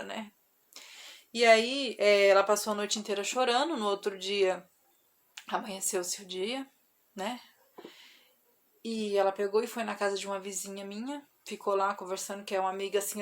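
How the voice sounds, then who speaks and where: A woman's voice: a little high, fairly bright tone. A young adult woman with a Brazilian accent, telling a personal story to her followers in an emotional, confiding way. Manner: emotional, confiding, many "né?" tags. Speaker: vlogger.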